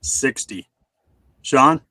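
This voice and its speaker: A man's voice: extremely slow, bright, forceful tone, dry recording, low-quality recording. Rambling man in his forties on a call. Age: 40s. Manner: rambling, many fillers and restarts. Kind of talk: casual chat on a video call.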